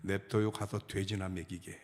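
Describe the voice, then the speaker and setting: A man's voice: deep voice, level tone, normal speed, darkish tone, big-room sound, voice pushed down, natural voice. A man voicing a blunt old countryside grandmother who sells watermelons and gives curt, roundabout answers.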